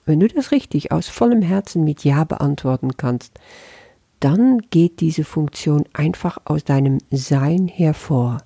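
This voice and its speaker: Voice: mid-range voice, animated, unhurried, gravelly, dark tone, slightly rough, no echo. A spiritual teacher giving a conversational lesson commentary who often asks the listener questions.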